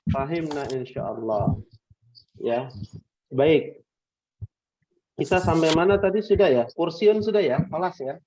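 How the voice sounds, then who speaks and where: A man teaching an online language class to women, patiently drilling questions with drawn-out prompts and repeating the answers back. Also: fairly high pitch, mellow, dull audio. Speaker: Arabic teacher.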